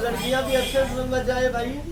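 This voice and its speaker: A man with an unusually high voice teaches a classroom full of students and keeps firing either-or questions at them, echoing their answers back. He is heard from a distance, with the class murmuring around him. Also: completely flat delivery, a little fast, a crowd in the background. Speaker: English teacher. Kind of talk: classroom teaching in call-and-response.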